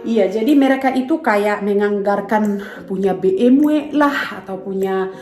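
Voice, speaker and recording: A woman's voice: mid-range voice, a little slow, darkish tone, faint music behind. A woman vlogger and mother telling a story to her viewers in a casual, rambling way, full of fillers. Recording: echoey room.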